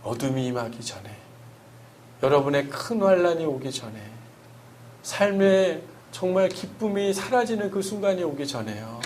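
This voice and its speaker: A pastor delivering an earnest, emphatic sermon, pressing his listeners with rhetorical questions. His voice sits a little high for a man, with a faint hiss of noise behind it. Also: very animated, moderate pace, a little mellow.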